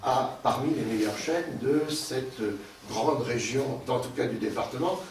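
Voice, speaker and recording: Man, panel moderator, halting speech, many fillers, middle pitch, faint background noise. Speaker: round table moderator. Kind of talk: summarizing a panel discussion. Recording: roomy hall, distant mic, some noise.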